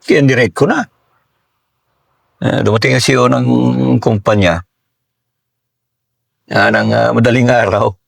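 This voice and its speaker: An older man, a former soldier, telling his story in a casual interview and acting out the dialogue with lively, raised voices. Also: mid-range voice, measured pace, creaky, long pauses. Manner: animated, acts out quoted dialogue in a raised voice.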